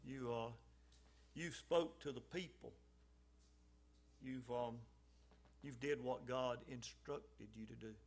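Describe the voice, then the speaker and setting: At a church service, a man serving as lay speaker talks slowly in a mid-range voice, leaving long pauses. His informal message has a folksy, conversational feel, with plenty of ums and restarts and growing emphasis on key phrases.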